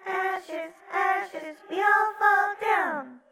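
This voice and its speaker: A man voicing a chorus of ghostly children, chanting a nursery rhyme in a high, slow sing-song. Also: vocal fry, bright, forceful tone, soft background music, full character voice. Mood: eerie sing-song.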